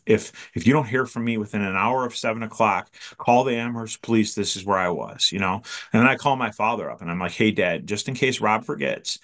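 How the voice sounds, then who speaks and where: Low-voiced man telling a story. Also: fairly bright tone. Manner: conversational storyteller who acts out dialogue, halting with restarts. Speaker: person sharing a recovery story. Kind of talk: personal storytelling.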